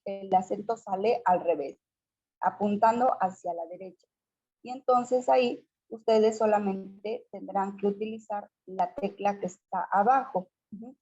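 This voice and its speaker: A woman's voice: mid-range voice, warm tone, slightly rough, dull audio. Patient woman teaching keyboard basics. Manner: patient, checks in often with students. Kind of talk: screen-share computer tutorial.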